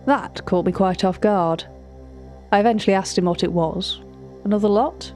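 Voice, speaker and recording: Over soft background music, a woman speaks at a moderate pace in a natural, slightly mellow mid-range voice. Her role is a wry, cultured narrator of an art catalogue who relates uncanny encounters, her delivery formal, exact and dryly opinionated. This scripted audio fiction feels hushed, uneasy and wry.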